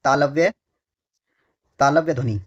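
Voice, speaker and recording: A man's voice: fairly high pitch, a little slow. Repetitive man drilling exam answers. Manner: drills by asking a question and answering it himself; repeats phrases several times. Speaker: Hindi exam tutor. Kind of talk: online exam-prep lesson. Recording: dull lo-fi recording.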